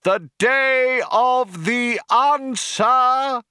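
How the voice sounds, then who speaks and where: A man's voice: extremely high pitch, drawn-out words, pushed and bright, clean tone, no echo, clean studio sound, voice pushed up, exaggerated voice. A man voicing a fervent male orator who cries out grand proclamations to an ecstatic crowd. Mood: rapturous proclaiming. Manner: grand, declaiming, rising to a cry.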